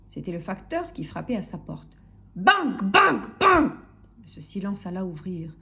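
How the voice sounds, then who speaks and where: A woman narrating a children's story aloud in an expressive, soft-spoken way, sometimes dropping to a whisper. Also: fairly low pitch, brisk.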